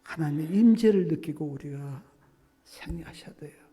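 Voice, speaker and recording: Male preacher, raised pitch, sermon in a church hall, long reverb, loud bursts dropping to whispers, acts out quoted prayers. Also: moderate pace, husky. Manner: swings from loud exclamations to hushed whispers. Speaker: pastor. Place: church sanctuary.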